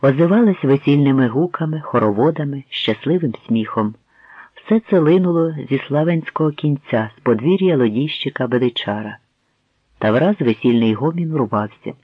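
A man narrating a historical tale in measured storytelling fashion, as an audiobook reader, on a tinny, dry recording. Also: medium pitch, expressive, husky, no echo. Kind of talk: scripted narration. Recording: tinny phone-like dry sound.

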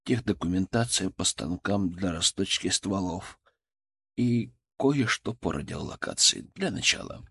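A man voicing a cool, calculating middle-aged male foreign go-between, speaking in a measured, guarded way. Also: deep voice, lively intonation, creaky, sharp tone, breathy edge, pitched below the performer's own voice, heavily acted.

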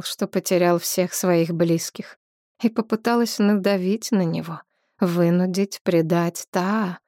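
Low-voiced woman narrating a novel. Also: a little mellow, no room sound, studio quality. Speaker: audiobook narrator. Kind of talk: scripted narration.

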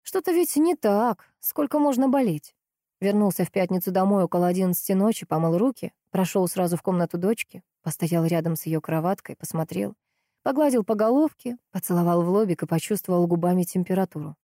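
A woman narrating an audiobook in a steady, measured storytelling manner. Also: lowish voice, no room sound, clean studio sound. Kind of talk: scripted narration.

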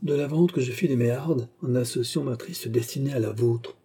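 A man reading an audiobook, voicing a fierce young woman who answers with contemptuous, sharp retorts. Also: mid-range voice, moderate pace, breathy edge. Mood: scornful. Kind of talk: audiobook character voice.

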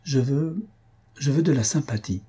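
A man voicing a young countess, sorrowful and fervent, in a raised, gentle voice. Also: mid-range voice, expressive, unhurried, husky, voice pushed up. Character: grieving, warm-hearted young countess.

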